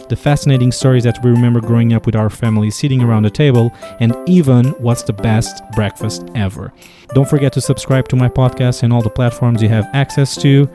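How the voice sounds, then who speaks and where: A man from Portugal with a Portuguese accent, hosting a podcast interview with an upbeat, scripted welcome. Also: mid-range voice. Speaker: podcast host.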